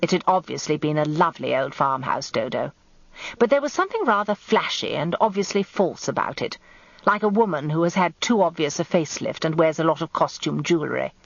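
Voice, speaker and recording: An English-accented actress narrates a radio drama in the first person, playing an observant, wry lawyer's wife who has become an amateur detective and confides her story. Her low, creaky voice is animated and brisk, a full character voice with no room sound, on a dull lo-fi radio recording.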